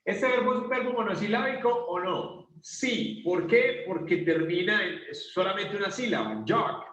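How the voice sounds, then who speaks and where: High-voiced teacher in an echoey classroom. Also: male voice, lively intonation, moderate pace, fairly bright tone, a little hiss or hum. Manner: patient, asks the class questions and answers them himself. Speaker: English teacher. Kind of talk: classroom lesson explaining grammar. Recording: echoey room, voice from a distance.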